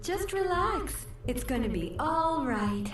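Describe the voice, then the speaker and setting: A sweet Southern game adventurer. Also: female voice, high-pitched, sing-song, slow, far from the mic, noisy background, full character voice. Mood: soothing. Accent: Southern American. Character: cheerful, self-assured female adventurer recruit. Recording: roomy game audio from afar with music.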